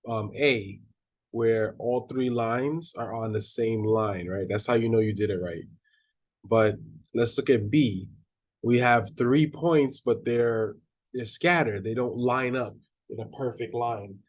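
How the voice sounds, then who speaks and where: Male math teacher, husky and mellow, casual lecture tone with frequent check-ins. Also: mid-range voice. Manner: casual, checks in with students, restarts while reading. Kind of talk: online class lecture.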